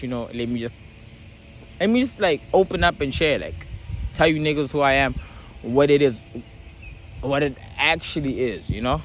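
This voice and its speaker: A man's voice: medium pitch, a bit bright, a little hiss or hum. A young man vlogging casually. He talks in slang, with a stutter and frequent restarts. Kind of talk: casual storytelling to camera.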